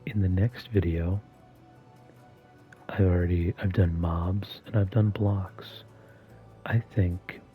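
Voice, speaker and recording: Soft-spoken deep-voiced man, half whispered. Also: phone-quality sound. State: slightly strained voice. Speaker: video host. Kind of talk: soft-spoken ASMR-style commentary.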